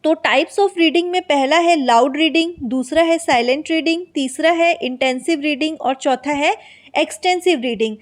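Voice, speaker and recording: A woman teaches a lesson for exam prep. She reads out lines from her notes at a slow, careful pace, then explains them in Hindi. She keeps asking herself questions and answering them. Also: high-pitched.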